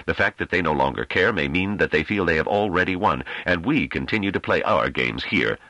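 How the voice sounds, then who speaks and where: A man's voice: deep voice, lively intonation, brisk, sharp tone, dry recording, muffled recording, pitched above the performer's own voice, full character voice. A man voicing a grave, sardonic councillor. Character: calm sardonic male councillor defending himself.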